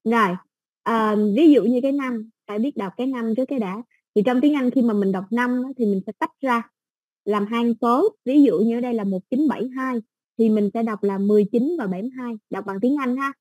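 Southern Vietnamese woman, English tutor, casual patient explainer, warm tone, dry sound. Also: a little high, fairly quick, dry recording. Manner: patient, explains step by step with soft fillers. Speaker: English teacher. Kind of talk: casual exam-prep lesson.

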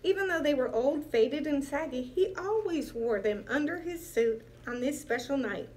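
A woman reading a children's picture book aloud in a lively, expressive way with playful emphasis. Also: high-pitched, moderate pace, a little hiss or hum. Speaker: storyteller.

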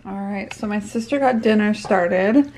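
A woman in her thirties chatting casually to a handheld camera at home, relaxed and rambling with fillers. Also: medium pitch, a little slow, low-quality recording. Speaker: vlogger. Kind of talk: casual vlog chat. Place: home kitchen and living room. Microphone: handheld camera at arm's length.

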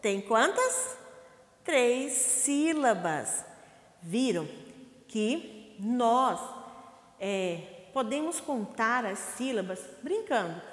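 Slow, lively woman teaching small children. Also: fairly high pitch. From Brazil. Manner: slow, sing-song teacher talk, asks questions and sounds out syllables. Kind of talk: lesson for young children. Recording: echoey room with long reverb.

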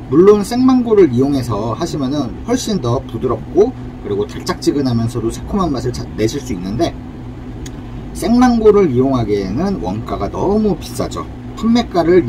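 A man's voice: mid-range voice, noisy background. A man demonstrating a cafe drink recipe at a counter, explaining each step in a friendly, polite way. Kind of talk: casual cooking demonstration.

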